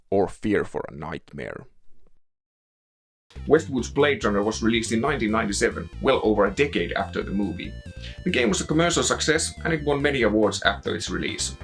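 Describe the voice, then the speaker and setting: A man's voice: lowish voice, fairly bright tone. A man with a Finnish accent reading a scripted video essay narration as the host of a game review show.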